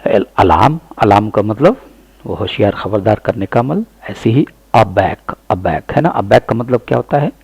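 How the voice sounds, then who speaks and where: Urdu-accented guy teaching english sounds, low gravelly voice, dry close mic, repeats every word slow. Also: expressive, darkish tone, no room sound, poor audio. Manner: slow, deliberate model phrases, repeating each word. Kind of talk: pronunciation lesson in Urdu.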